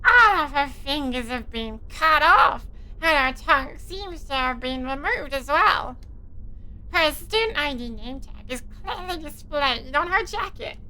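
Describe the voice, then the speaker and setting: A woman voicing a perky, squeaky narrator as she reads horror game text aloud. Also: animated, a little slow, bright, forceful tone, heavily acted, poor audio. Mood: perky reading. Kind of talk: dramatic reading of game text.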